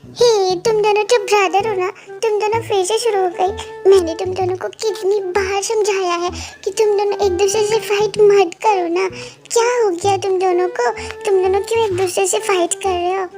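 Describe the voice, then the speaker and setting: A woman's voice: very high-pitched, fairly even intonation, normal speed, music in the background. A woman voicing a fussy figure who scolds two brothers for fighting, in a fan-dub drama. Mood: nagging. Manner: scolding, nagging.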